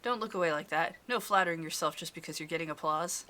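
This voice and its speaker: A woman's voice: low voice, quick pace, bright, forceful tone, a little hiss or hum. A woman voicing a stern older woman who harshly scolds a kneeling girl. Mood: scolding. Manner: condescending, harsh and demanding.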